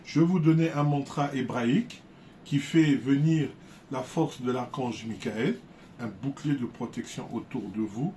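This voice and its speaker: A man teaching viewers in a casual, unhurried way, often repeating words and restarting his sentences. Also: medium pitch, dark tone, slight background noise. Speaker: spiritual teacher.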